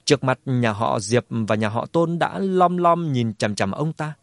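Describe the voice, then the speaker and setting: A man reads a novel aloud in steady audiobook narration at a middle pitch. The sound is dry and close, with no room around it. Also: a little slow, dry recording. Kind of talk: scripted narration.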